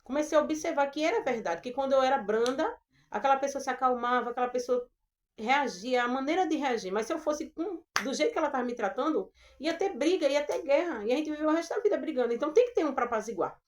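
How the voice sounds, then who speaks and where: A woman with a Brazilian Portuguese accent giving a gentle, earnest devotional Bible talk, addressing her listeners as sisters. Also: high voice, lively intonation, fast talker. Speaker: preacher.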